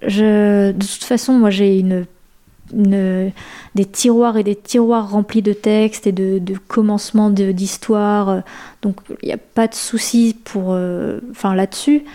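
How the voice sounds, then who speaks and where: A woman's voice: mid-range voice, fairly even intonation, measured pace, mellow. A young woman, a guest author on a radio show, answering questions hesitantly with frequent restarts and repeated words. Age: young adult.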